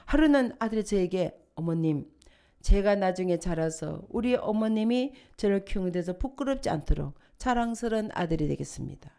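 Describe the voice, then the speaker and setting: An older woman, a pastor's wife, giving a sermon with humorous stories and sudden swells into fervent prayer. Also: fairly high pitch. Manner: humorous, lively storytelling with sudden emotional swells. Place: church sanctuary.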